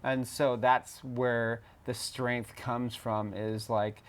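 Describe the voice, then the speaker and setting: A man's voice: medium pitch, little pitch movement, slow pace. A man in a casual conversational debate, giving firm opinions and repeating words for emphasis.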